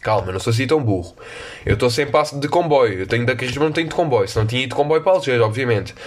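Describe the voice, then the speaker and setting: A man's voice: mid-range voice, animated, very fast. A young man with a European Portuguese accent telling a rambling, self-mocking story in casual, slangy talk. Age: young adult. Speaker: podcast host.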